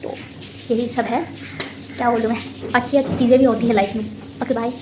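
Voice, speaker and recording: A woman's voice: a little high, fairly even intonation, a little fast, noisy background. A young woman vlogging casually in a rambling, exasperated way, her speech slightly slurred from dental anesthesia. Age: young adult. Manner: chatty, rambling, exasperated asides. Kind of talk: casual vlog chat. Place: hostel room.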